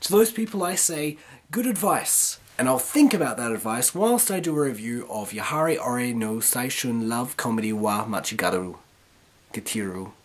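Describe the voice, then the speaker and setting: A woman presents a review in a hoarse, flu-roughened rasp. Her husky delivery swings widely in pitch as she talks through her points like a video host. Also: lively intonation, normal speed. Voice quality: raspy, rough voice from illness. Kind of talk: review to camera, semi-scripted.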